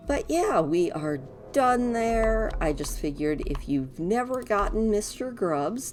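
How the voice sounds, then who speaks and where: Woman, lower pitch, casual gameplay commentary, chatty guide host, some background noise. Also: dark tone. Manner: informal, chatty, anecdotal.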